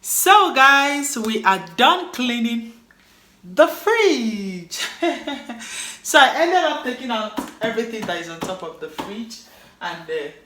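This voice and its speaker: A cleaning vlogger with a Nigerian accent talks to camera in an echoey room, her voice fairly high, sing-song and slow. She's upbeat and encouraging toward viewers, finishing with a motivational sign-off.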